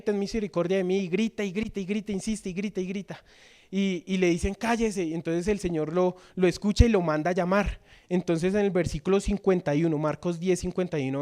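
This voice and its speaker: A man preaching a sermon in church, reading scripture and putting questions to the congregation. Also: sits high. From Colombia. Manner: asks the congregation questions, reads scripture, shifts between loud and soft.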